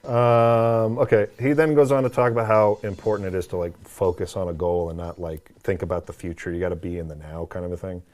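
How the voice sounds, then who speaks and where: A man's voice: low-pitched, steady tone, fairly quick, hardly any pauses, darkish tone. A man in a casual chat about a video game, easygoing and agreeable, summing up scenes. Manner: easygoing, agreeable, many fillers of yeah and um. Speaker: co-host discussing a video game.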